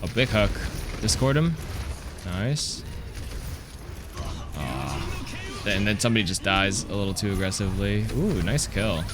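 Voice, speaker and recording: A man's voice: lowish voice, lively intonation, a little slow, pauses often, over music. A man reviewing gameplay as a coach, talking casually in a blunt, analytical and sometimes sweary way. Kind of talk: casual live game review commentary.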